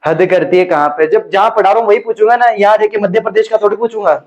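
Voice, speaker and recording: Teaching maths, a young man jokes around with his class, his high voice moving fast with fairly even intonation. He's chatty and teasing, captured on dull, lo-fi classroom audio.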